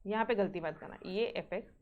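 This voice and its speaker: A woman's voice: mid-range voice, a little fast, narrow, tinny audio. A woman teaching a maths class, mixing Hindi with terms, often checking in with her students and sternly reminding them to practise. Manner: mixes Hindi with English terms.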